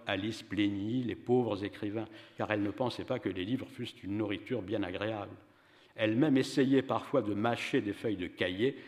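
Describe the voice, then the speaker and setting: A man giving a measured, expressive public reading of a story at a literary event. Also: lowish voice. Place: venue hall for a public reading. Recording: reverberant hall.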